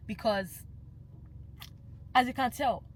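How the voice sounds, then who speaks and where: In a slightly high voice and at a slow pace, a young Yoruba-speaking woman vlogs a casual monologue, passionate and emphatic, dropping in Yoruba phrases. A little hiss or hum runs under the recording.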